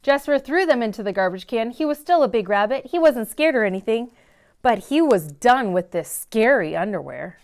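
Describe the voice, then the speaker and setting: A library read-aloud host, this woman has a rather high, slightly mellow, expressive voice at normal speed. She reads a picture book to children, punching key words for dramatic effect.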